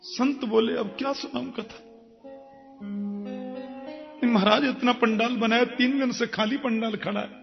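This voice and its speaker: A man delivers a devotional sermon in a strikingly high voice, telling folksy stories and chanting verses. The recording sounds dull and lo-fi, with a long hall reverb trailing behind him. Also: vocal fry. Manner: folksy storytelling, acts out dialogues, chants verses. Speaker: kathavachak preacher.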